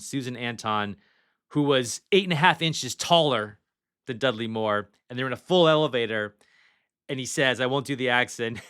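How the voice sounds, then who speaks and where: A man's voice: mid-range voice, a bit bright, clean tone. A man hosting a casual movie podcast, chatty and loose, reading trivia from his notes and swearing now and then. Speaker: podcast host.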